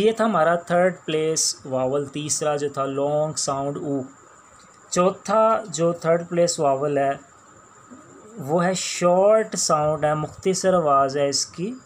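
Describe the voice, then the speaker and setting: A man with a Pakistani accent teaching a shorthand class, explaining each sound slowly and repeating words as he writes them out. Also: fairly high pitch, a little hiss or hum. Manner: slow, patient, repeats each sound and word. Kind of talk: classroom lecture while writing on a board.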